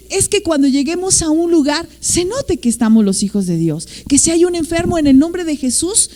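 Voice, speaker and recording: A Mexican woman preaching to her congregation in a mellow, warm voice that sits a little high. She tells her points like a story and keeps checking in with her listeners. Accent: Mexican Spanish. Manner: storytelling, acts out quoted voices, asks "¿sí?" often. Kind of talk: sermon.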